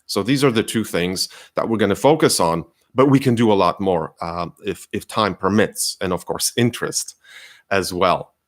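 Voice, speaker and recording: A man hosting a live coaching session, explaining slowly and patiently with many fillers; English is not his first language. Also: low voice. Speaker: career coach and host.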